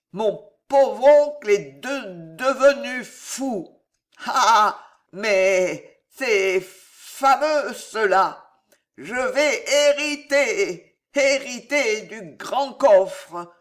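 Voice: mid-range voice, expressive, voice pushed up. A reader voicing a drunken, greedy young nephew in a French storybook, slurring and drawing out his words. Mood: gleeful. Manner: slurred, drawn-out, wailing.

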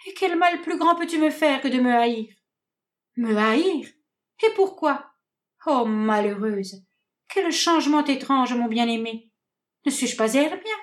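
A woman's voice: on the high side, lively intonation, unhurried. Woman playing fiery, wounded young jilted lover Hermia, swooping voice. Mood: hurt, bewildered. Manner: exclamatory, indignant, theatrical questioning. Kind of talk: classic stage comedy read aloud.

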